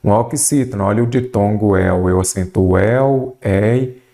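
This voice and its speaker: A man's voice: on the low side, unhurried, creaky, dark tone. A man teaching a grammar lesson for exam prep, asking and answering his own questions and stretching out words. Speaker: Portuguese teacher.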